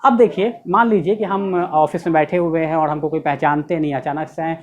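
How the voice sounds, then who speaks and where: A man's voice: fairly high pitch, steady tone, a little fast, highs cut off, a little hiss or hum. A man teaching English grammar in a classroom-style lesson, explaining step by step and checking with rhetorical questions. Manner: explains step by step, asks rhetorical questions, stresses key words.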